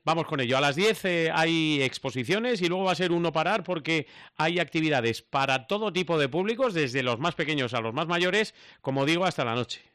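Brisk radio host. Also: male voice, a little high, expressive, a bit bright, smooth, dry recording, studio quality. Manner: friendly, brisk questions and short acknowledgements. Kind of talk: regional radio interview and presenting.

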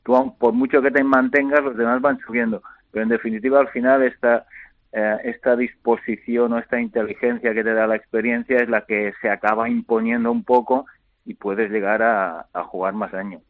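A middle-aged man, a retired basketball player, answering interview questions by phone in a halting way, repeating words and filling pauses. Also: mid-range voice, steady tone, no echo. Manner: halting, repeats words often, many fillers. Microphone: telephone. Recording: tinny phone line.

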